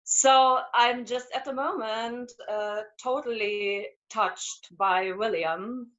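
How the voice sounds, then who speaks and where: Hungary-born woman in her 40s, earnest, halting, on headphones, dull call sound. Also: a little high, a bit bright. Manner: earnest, moved, hesitant with fillers. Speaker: community member. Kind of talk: casual chat on a video call. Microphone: headphones on a video call.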